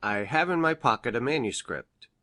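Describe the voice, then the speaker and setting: In this audiobook character voice, a woman plays an eccentric, eager male country doctor and man of science, pitched down low with a lively, swooping delivery at a moderate pace. He is pedantic, formal, earnest and effusive, choosing exact wording carefully, and his mood is solemn and precise.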